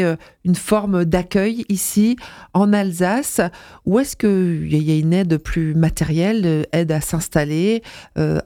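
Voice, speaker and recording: A woman's voice: lowish voice, mellow, no echo, clean studio sound. A woman interviewing a guest, asking long, searching questions with some fillers.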